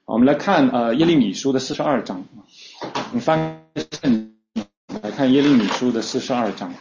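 A male preacher delivers a teaching sermon in a relaxed, conversational manner, often pausing on fillers and restarting his phrases. His voice sits at an ordinary middle pitch, and the recording sounds a little dull and lo-fi. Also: vocal fry, background noise. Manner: conversational teaching, frequent fillers and repeated starts.

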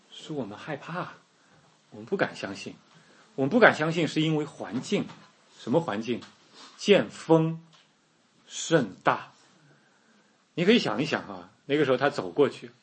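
A man preaching a sermon, telling the story in a lively way and acting out the people in it. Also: medium pitch. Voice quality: very husky voice.

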